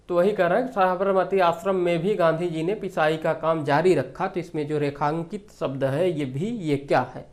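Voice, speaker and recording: Male tutor, exam grammar lesson, asks then answers his own questions, repeats terms. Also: sits high. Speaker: teacher.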